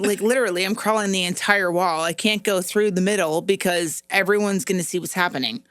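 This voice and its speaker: A middle-aged woman co-hosting a podcast, telling an embarrassing story in a casual, animated way and laughing as she goes. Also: medium pitch, smooth, no echo, studio quality. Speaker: podcast co-host.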